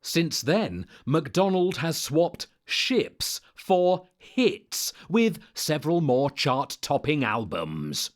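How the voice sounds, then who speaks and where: A man reading scripted comic narration in a deadpan, pun-heavy delivery. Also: on the high side. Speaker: satirical narrator.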